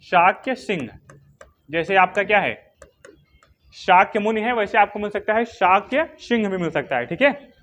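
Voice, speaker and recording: A man's voice: high voice, lively intonation, normal speed, long pauses, a bit bright. A man teaching a history coaching class, who asks questions, answers them himself and repeats the key names again and again. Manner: drills key names by repetition, dictates notes.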